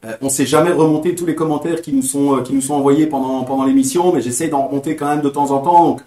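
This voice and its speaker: A man's voice: a little high, steady tone, quick pace, mellow, roomy sound. A man hosting a live football talk show, chatting and reading out viewer comments. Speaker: host.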